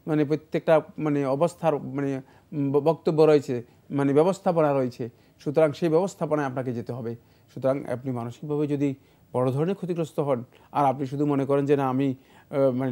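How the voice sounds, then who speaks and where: A man answering religious questions on a studio show, in a measured, explanatory way with frequent fillers. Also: fairly high pitch, warm tone. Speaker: Islamic scholar answering questions.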